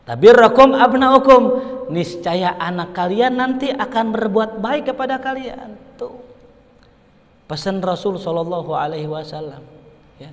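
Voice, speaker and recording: A man from Indonesia, giving a storytelling sermon as a preacher that rises into loud, excited passages. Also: sits high, measured pace. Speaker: Islamic preacher. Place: mosque hall. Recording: reverberant hall.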